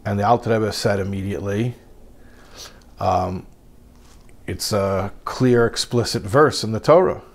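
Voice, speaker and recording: A man teaching a religious class, telling a story in a lively way and breaking into quoted lines, with frequent repeated words. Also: fairly low pitch, a little slow, pauses often.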